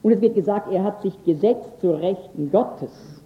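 A man teaching a lecture on scripture, earnest and emphatic, pausing now and then with fillers. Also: high voice. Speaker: Bible teacher. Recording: echoey, phone-like lo-fi recording.

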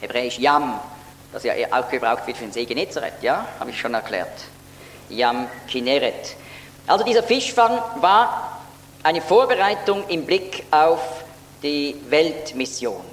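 A man delivers a Bible teaching sermon in an earnest, explanatory way, his fairly high voice lifting to stress key words. The sound rings with long reverb from a large hall, and a faint hum sits underneath. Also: expressive, a little slow. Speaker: preacher.

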